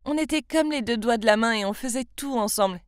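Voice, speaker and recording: A woman's voice: on the high side, quick pace, clear, resonant tone, no room sound, studio quality. A woman in her twenties from France telling her own story in a confiding, chatty first-person narration. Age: 20s.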